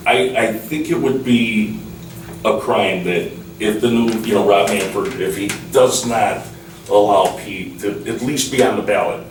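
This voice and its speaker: A man chats casually as an interview guest, halting and often repeating himself. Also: lowish voice. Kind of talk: casual reminiscing interview chat. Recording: roomy, distant mic with clear background noise.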